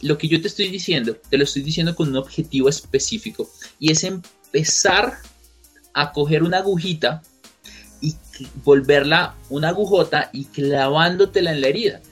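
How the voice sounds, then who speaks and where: A man's voice: fairly high pitch, moderate pace, a bit bright, husky, soft background music. A man giving a motivational talk to camera, emphatic and repetitive, firing rhetorical questions at the listener. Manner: acts out quoted people. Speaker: motivational coach.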